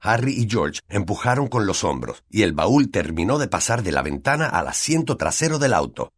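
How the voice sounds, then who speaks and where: A man with a Latin American Spanish accent narrating a fantasy audiobook in an expressive storytelling manner. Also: on the low side, moderate pace, breathy edge. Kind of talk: scripted narration.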